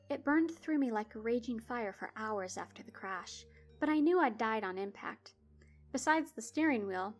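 A woman telling a spooky story in the first person, wry and dramatic. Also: on the high side. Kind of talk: scripted horror story narration.

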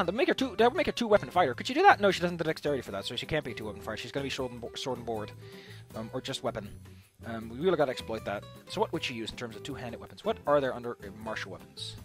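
A man casually commentating as he builds a tabletop game character, playful and thinking out loud. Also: medium pitch. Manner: playful, thinking aloud, mild swearing.

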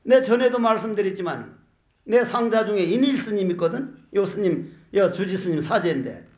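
A man's voice: sits high, expressive, moderate pace, a little mellow, reverberant. An older man giving a Buddhist dharma talk as a monk, folksy and joking, full of rhetorical questions. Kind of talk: sermon.

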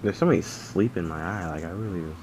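Sleepy deep-voiced man cursing through gameplay. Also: fast, background noise. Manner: rambling, swears a lot. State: sleepy, yawning. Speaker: gaming channel host. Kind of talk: casual gameplay commentary.

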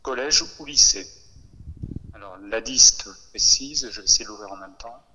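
A man's voice comes through a phone on speakerphone into a reverberant room. His tone is sharp and very bright, with a long echo trailing behind it. He delivers a formal briefing and stops often on filler sounds. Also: lowish voice, a little hiss or hum. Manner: hesitant, with many filler pauses. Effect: heard over a phone on speakerphone. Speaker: education official addressing trainee teachers. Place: relayed into a meeting room over a speakerphone.

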